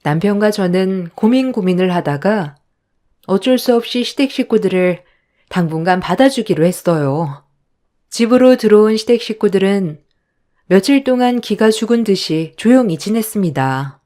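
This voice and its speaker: A woman's voice: mid-range voice, expressive, normal speed, dark tone. A woman narrating a first-person family story in a confiding way.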